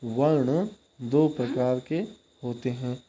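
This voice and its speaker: A man's voice: mid-range voice, steady tone, slow pace, dark tone, lo-fi sound, a little hiss or hum. A man teaching exam-prep grammar, explaining step by step and checking in often with his listeners.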